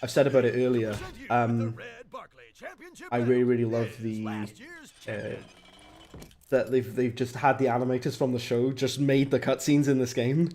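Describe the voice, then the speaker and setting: A gaming streamer with a Welsh accent talks at a moderate pace in a level, darkish, medium-pitched voice, leaving long pauses. He laughs and chats with viewers as he commentates on his gameplay, with game music and sound effects in the background.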